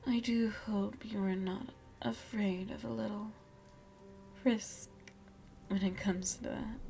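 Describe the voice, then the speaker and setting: In an ASMR roleplay, a woman plays a seductive, aristocratic vampire lady, speaking intimately and formally. Her medium-pitched, mellow voice is breathy and often whispered, with teasing, veiled menace, and a little hiss or hum can be heard.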